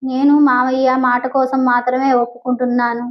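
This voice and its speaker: A cold, impatient young businessman in a storybook reading, played by a woman narrator in a high voice. His lines are curt and dismissive over a dull, lo-fi recording. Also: monotone, brisk, lightly acted.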